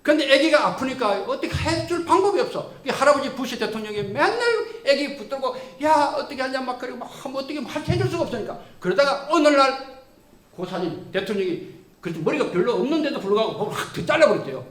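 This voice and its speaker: Male lecturer, high and animated, acting out quotes in his stories, echoey lecture room. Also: quick pace. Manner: lively, acts out quoted people. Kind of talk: storytelling lecture.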